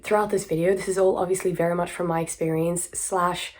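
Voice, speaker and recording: A woman in her twenties from South Africa, talking casually and candidly to camera, hoarse from a sore throat, with a smoker-like rasp. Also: fairly low pitch, little pitch movement, brisk, a little mellow. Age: 20s. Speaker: student vlogger.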